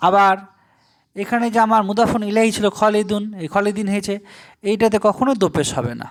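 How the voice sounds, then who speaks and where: A man from Bangladesh teaching Arabic grammar in Bengali in an online lesson, explaining step by step and slowly spelling out Arabic terms. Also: high-pitched.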